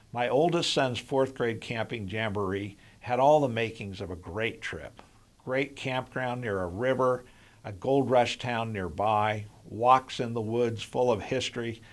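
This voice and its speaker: A middle-aged man narrating a scripted, humorous personal story in a deliberate, deadpan way. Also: fairly low pitch.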